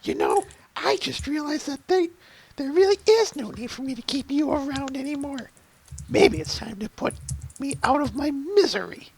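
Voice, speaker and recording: A woman voicing a scheming female changeling queen villain in a hushed, sneering, drawn-out way, in an amateur comic read-through. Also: high-pitched, lively intonation, gravelly, rough recording. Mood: mocking.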